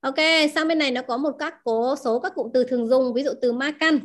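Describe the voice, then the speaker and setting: Explaining words to her language class, this woman speaks fairly quickly in a voice that sits high. Vietnamese is her native language, and she often asks the students questions while repeating key words.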